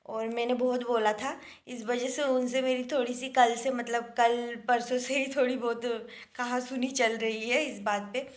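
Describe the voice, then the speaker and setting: A woman's voice: on the high side, little pitch movement, moderate pace. A young woman chatting casually in a daily home vlog, rambling with many fillers. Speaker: vlogger.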